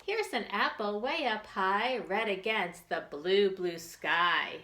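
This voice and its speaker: A children's librarian hosts storytime, her mid-range voice animated, slow and sharp in tone. She reads to young children in simple phrases, putting questions and asides to her little listeners.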